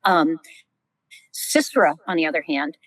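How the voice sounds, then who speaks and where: A middle-aged woman, a scholar and podcast guest, teaching in a lively, vivid storytelling way with frequent exclamations. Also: low-pitched, measured pace, no room sound, low-quality recording. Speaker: guest Old Testament scholar.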